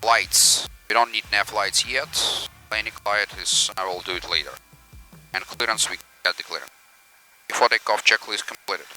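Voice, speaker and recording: Male pilot-reviewer, forceful bright tone, explanatory checklist narration from a cockpit headset. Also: fairly low pitch, moderate pace, soft background music, low-quality recording. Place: cockpit of a small airplane. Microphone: aviation headset in cockpit.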